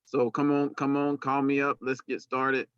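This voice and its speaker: A man's voice: medium pitch, flat delivery, moderate pace, a bit bright, clean tone, dry recording. A middle-aged man moderating a panel over a video call, earnest and repeating words as he builds his point. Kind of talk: panel discussion. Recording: dry, dull video call audio.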